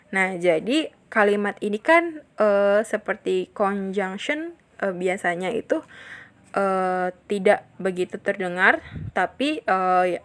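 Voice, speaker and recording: A young woman with an Indonesian accent gives a student presentation on English pronunciation. She hesitates often and fills pauses as she explains. She slows down to read out example sentences. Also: medium pitch, fairly bright tone. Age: young adult. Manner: hesitant, many fillers, reads English examples slowly. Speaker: university student.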